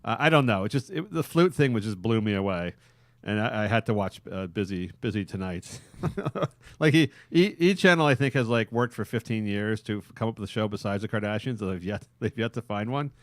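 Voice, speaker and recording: Guy hosting a podcast, lowish voice, dry close mic, rambly and crude. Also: expressive, a little fast, dry recording. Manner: rambling, crude, laughing a lot. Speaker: podcast host. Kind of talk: casual crude podcast banter.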